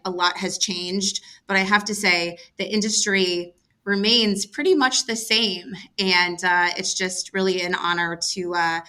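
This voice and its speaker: A middle-aged woman, a bit hoarse from losing her voice, chatting as a podcast guest with many fillers and restarts. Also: on the low side, pushed and bright. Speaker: podcast guest, rail public affairs head. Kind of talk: casual podcast chat.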